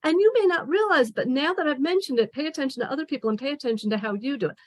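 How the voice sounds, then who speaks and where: A career coach from New York gives a webinar presentation over a video call, her delivery racing. She's animated and emphatic, acting out examples with shifting pitch.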